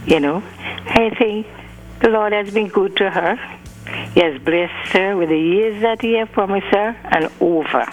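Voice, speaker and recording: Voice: mid-range voice, unhurried, faint music behind. A caller with an Antiguan accent, heard over a clipped phone line, rambling through birthday greetings and stringing names together with frequent "you know". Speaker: radio call-in caller. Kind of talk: birthday shout-outs on a call-in show. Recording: faint humming phone line.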